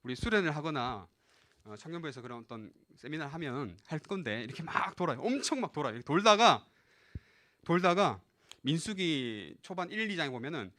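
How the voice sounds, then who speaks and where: A man's voice: a little high, big pitch swings, fairly quick, fairly bright tone. A man preaching a live sermon as pastor, addressing the young listeners directly and acting out the voices in the scripture. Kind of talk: live sermon to a youth service.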